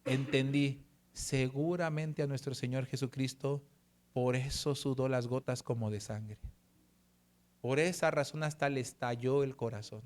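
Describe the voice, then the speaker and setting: A middle-aged man preaching from a pulpit, his voice sitting in an ordinary middle range. He tells his story earnestly and draws the scripture quotes out slowly and gently. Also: mid-range voice, steady tone. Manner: earnest, slows and softens for scripture verses. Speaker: pastor. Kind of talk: sermon with personal testimony.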